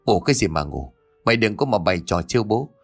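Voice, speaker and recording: A man doing a gruff short-tempered father. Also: lowish voice, lively intonation, fast talker, soft background music. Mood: angry. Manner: scolding, harsh.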